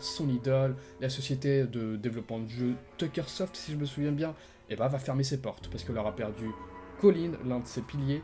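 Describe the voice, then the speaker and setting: A man retelling the endings of an interactive film in a casual, animated way, full of fillers and sound words like "bam". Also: medium pitch. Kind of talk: casual explainer narration.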